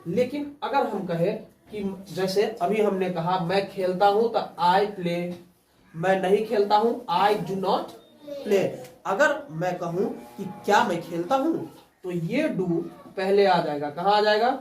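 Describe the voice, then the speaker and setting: A man's voice: sits high, measured pace, darkish tone. A man teaching a spoken English class, drilling students with call-and-response prompts. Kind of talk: classroom lesson. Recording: roomy, from far off the mic.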